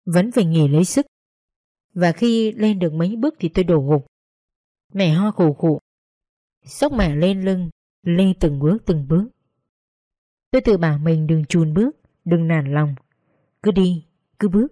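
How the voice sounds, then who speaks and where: A woman with a Northern Vietnamese accent, slowly and tenderly narrating a sorrowful story in the first person. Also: lowish voice, dark tone, dry recording, clean studio sound.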